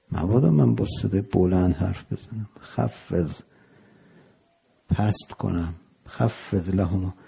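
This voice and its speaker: A man giving a religious sermon, explaining Arabic prayer phrases in Persian and slowing down on the quotations. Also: fairly low pitch, creaky, warm tone, husky. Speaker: preacher.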